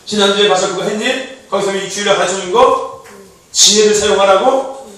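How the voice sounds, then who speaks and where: A high-pitched man preaches to a youth group, calling for amens and checking what his listeners did. He is heard from a distance in a very reverberant worship hall with a faint hiss. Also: moderate pace, a bit bright. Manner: preachy, calls out amen, quizzes listeners. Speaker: youth pastor. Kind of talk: sermon to youth. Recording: echoey hall, distant mic, faint noise.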